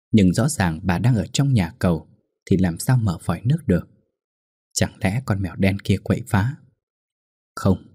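A man narrating a spoken ghost story in a steady, somber way. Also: lowish voice, breathy edge, no echo, clean studio sound.

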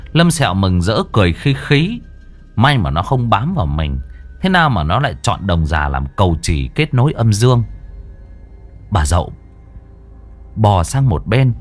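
A man narrating a ghost story in a vivid, dramatic way with crude slang. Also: on the low side.

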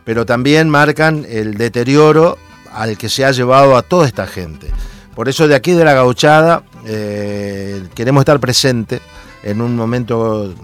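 A man's voice: medium pitch, unhurried, faint music behind. A man from Argentina with an Argentine accent, hosting a radio talk show and speaking hesitantly with many fillers. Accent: Argentine Spanish.

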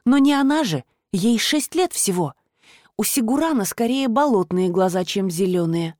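A woman reads first-person fiction in an even, reflective manner. Her voice is medium in pitch. The sound is close and dry, with no room echo. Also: moderate pace. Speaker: audiobook narrator. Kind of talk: first-person audiobook narration.

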